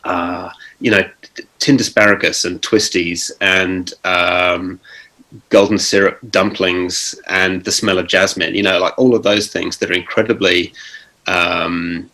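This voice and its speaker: Low-voiced guy on a video call panel, thinks out loud, lots of ums and restarts. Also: little pitch movement. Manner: thoughtful, halting, many pauses and restarts. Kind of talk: online panel discussion.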